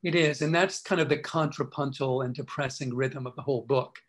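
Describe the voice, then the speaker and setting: A man's voice: medium pitch, steady tone, brisk, rough recording. A man answering interview questions as an author and historian, talking at length with many fillers and restarts.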